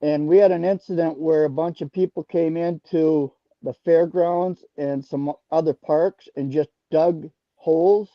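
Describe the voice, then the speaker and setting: A man's voice: a little high, steady tone, a little slow, few pauses, no room sound. Older man calling in over the phone. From Wisconsin. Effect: heard over the phone. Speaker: caller, detecting club founder. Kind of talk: casual call-in chat. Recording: dull dry phone audio.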